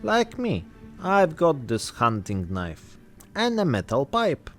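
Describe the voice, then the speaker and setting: A man voicing a weary immigrant zombie-apocalypse survivor, telling his story in short, deadpan, reflective phrases. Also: on the high side, slow, soft background music, exaggerated voice. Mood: somber, reflective. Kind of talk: narrated in-character role-play monologue.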